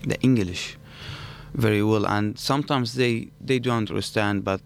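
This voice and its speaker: Creaky and lowish, the voice moves at a normal speed over slight background noise. The speaker, a student from an Arabic-speaking country whose first language is Arabic, chats through stories in Arabic-accented English as a guest in a studio interview.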